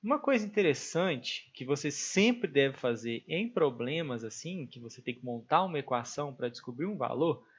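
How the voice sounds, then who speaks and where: A man's voice: medium pitch, lively intonation, moderate pace, few pauses, husky. Brazilian man explaining math, lo-fi. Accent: Brazilian Portuguese. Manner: conversational, thinks aloud with fillers. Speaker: math teacher. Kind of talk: explaining exam problems step by step. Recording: dull lo-fi sound.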